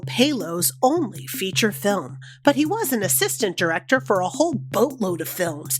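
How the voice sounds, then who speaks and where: Woman, podcast co-host, mid-range voice, informal film commentary, explanatory, faint music behind. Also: medium pitch. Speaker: high school teacher.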